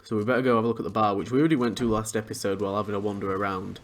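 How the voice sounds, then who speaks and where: A man's voice: lowish voice, steady tone, racing. A man giving informal let's play commentary, thinking aloud and swearing casually. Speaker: gamer, let's play host.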